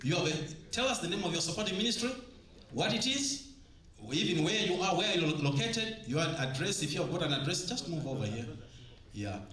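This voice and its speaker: Lively man addressing a roomy hall. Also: high voice, a little fast. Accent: Southern African English. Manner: lively, coaxing, repeats instructions. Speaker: church leader addressing a convention. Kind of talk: live convention address. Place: large convention hall. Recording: roomy hall with faint ambience.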